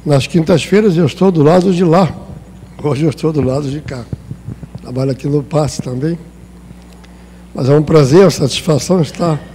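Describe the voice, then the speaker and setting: A Brazilian man giving a spiritist lecture in a hall with long reverb. His voice sits fairly high but sounds mellow and dark. He talks in a conversational way and acts out small exchanges. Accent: Brazilian Portuguese. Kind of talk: spiritist talk.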